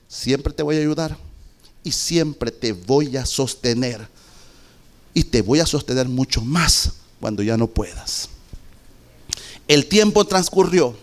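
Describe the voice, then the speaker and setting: Preaching his testimony in church, this middle-aged man speaks with a Salvadoran Spanish accent and a voice on the high side. The delivery is deliberate and emphatic, with occasional sudden shouted bursts.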